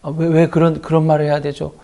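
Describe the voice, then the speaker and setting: 한 남자가 의아해하며 순순히 따르는 젊은 아내를 연기한다. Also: male voice, a little high, completely flat delivery, fast, vocal fry, noisy background. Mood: puzzled. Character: puzzled obedient wife, young woman.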